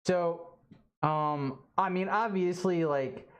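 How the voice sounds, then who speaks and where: Rambling, halting livestream host from Alabama. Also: medium pitch. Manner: halting and rambling, many fillers and restarts. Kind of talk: casual livestream chat. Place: home studio.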